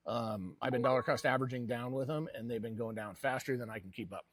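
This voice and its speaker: Husky guy rambling casually on his money vlog, real dry sound. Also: medium pitch, quick pace, dry recording. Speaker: host of a personal investing vlog.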